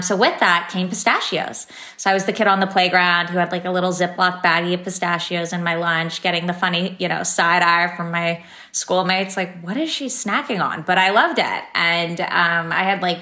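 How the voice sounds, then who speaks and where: A San Francisco woman in her thirties, a startup founder appearing as a podcast guest, tells her story in an upbeat, chatty way packed with fillers. Her voice sits fairly low and has a sharp tone. The room she's recorded in is echoey.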